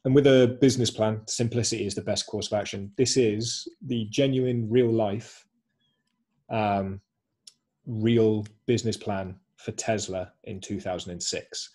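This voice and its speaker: A man's voice: on the low side, darkish tone, slightly rough. A man co-hosting a webinar over a video call, presenting slides in an upbeat way, repeating short slogans with plenty of "um"s.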